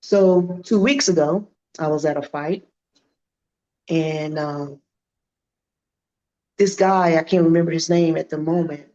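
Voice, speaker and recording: A woman in her fifties, a boxer being interviewed, telling stories in a lively, animated way and acting out what people said. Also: low voice, takes it slowly, long pauses, dull audio. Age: 50s. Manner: animated, acts out quoted dialogue. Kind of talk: casual interview storytelling.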